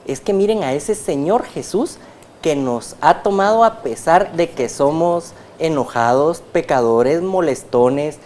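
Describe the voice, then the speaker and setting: A man's voice: on the high side, lively intonation, a little slow, a little mellow, slight background noise. A man hosting a religious TV interview, formal and welcoming in how he talks. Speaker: TV program host.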